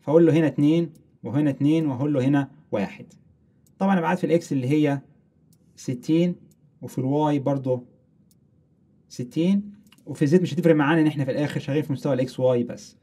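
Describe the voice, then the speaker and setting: A young man with an Egyptian Arabic accent, teaching a screen-recorded software lesson step by step and mixing in English technical terms. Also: fairly high pitch, very fast, slightly rough. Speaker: software tutorial instructor.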